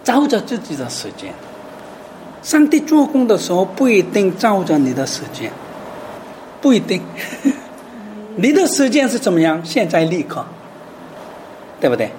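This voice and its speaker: A woman's voice: mid-range voice, sing-song, a little slow, long pauses, mellow, a little hiss or hum. A woman preacher giving a sermon who keeps asking rhetorical questions and drops English words into her talk.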